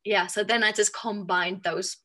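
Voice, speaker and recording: A woman's voice: mid-range voice, steady tone, normal speed, fairly bright tone. A woman in her thirties from Finland with a Finnish accent, chatting loosely as an interview guest and thinking aloud with many fillers. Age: 30s. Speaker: guest, authenticity coach. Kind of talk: casual interview chat.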